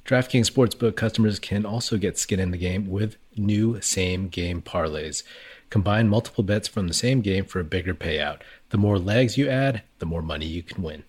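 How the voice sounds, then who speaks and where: A man reading a fast, clipped legal disclaimer at the end of a podcast sponsor ad. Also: low-pitched, a little mellow, husky.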